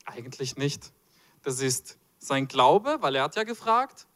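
A man's voice: mid-range voice, unhurried. A man preaching a sermon in a church, reading from the Bible and joking with the congregation. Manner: animated, playful asides to the congregation.

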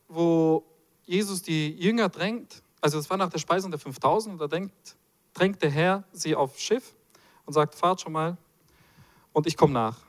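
A man preaching a sermon in a church, reading from the Bible and joking with the congregation. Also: fairly high pitch. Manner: animated, playful asides to the congregation.

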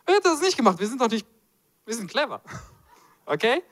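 A man's voice: very high voice, brisk. A man preaching a sermon in a church, reading from the Bible and joking with the congregation. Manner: animated, playful asides to the congregation.

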